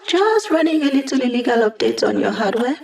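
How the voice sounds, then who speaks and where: A woman's voice: sits high, animated, brisk, darkish tone. A woman playing a young tech hacker in a video game, talking in a playful, sardonic, casual and slangy way. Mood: urgent, wry. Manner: sassy, casual, teasing, slangy.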